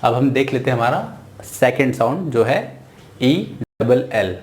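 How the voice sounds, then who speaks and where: Indian male tutor, unhurried phonics drill, mid-pitched, says each word twice. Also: animated, a little mellow, slight background noise. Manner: spells sounds out slowly, repeating each word. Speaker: English teacher. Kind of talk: slow phonics lesson.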